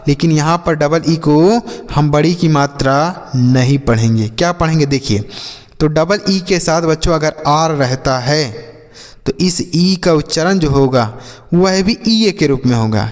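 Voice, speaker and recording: A man's voice: fairly high pitch, long reverb tail. A male teacher giving a classroom-style phonics lesson, calling his viewers children and drilling each rule with repeated questions and answers.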